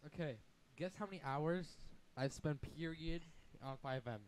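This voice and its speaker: A man's voice: on the high side, moderate pace. A teenage boy co-hosting a podcast, matter-of-fact as he talks about his gaming. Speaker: podcast co-host. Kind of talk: casual chat.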